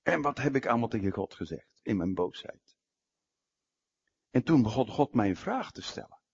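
Male preacher, husky, slow and animated, sermon storytelling, dull lo-fi recording. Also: mid-range voice. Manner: animated storytelling with dramatic pauses.

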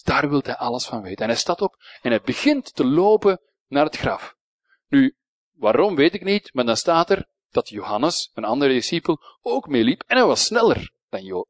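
Man, Flemish accent, preacher, sermon, dramatic hushed-to-emphatic swings, dry close sound. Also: on the high side, no room sound.

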